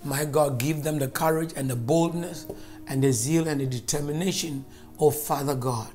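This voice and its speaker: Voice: mid-range voice, normal speed, mellow, soft background music. A preacher giving a fervent, emphatic sermon and spoken prayer, repeating phrases for stress.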